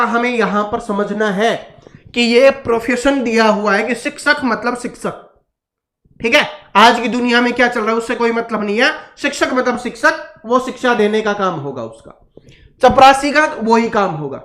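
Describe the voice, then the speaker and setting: A man's voice: extremely high pitch, a bit bright. A male teacher giving an exam-prep lesson, repeating key points and asking rhetorical questions.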